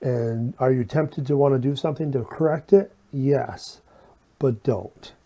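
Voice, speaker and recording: This lo-fi recording features a man speaking at a measured pace in a dark, medium-pitched voice with a slight whistle on his s sounds. He gives a folksy, informal math lesson on video, working problems step by step while asking and answering his own questions.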